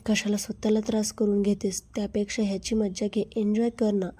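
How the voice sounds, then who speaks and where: A brazen, pushy man, as a woman reads him in a story, insistent and coaxing. The voice is dark and mellow, with a flat, level melody. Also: medium pitch, fairly quick, slightly rough, natural voice.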